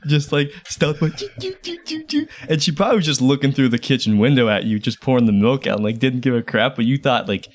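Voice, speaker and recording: A man's voice: medium pitch, fast, hardly any pauses. A young man co-hosting a casual podcast, teasing his friend with wry, self-mocking humor. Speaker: podcast co-host and editor. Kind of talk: casual chat.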